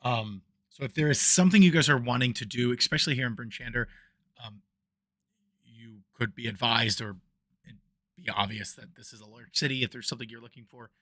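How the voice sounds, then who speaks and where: Here the dungeon master narrates briskly in a medium-pitched, somewhat bright voice with no room sound. Rambling and full of ums and false starts, he shifts around so his voice swells and fades off the new desk mic during this casual tabletop game.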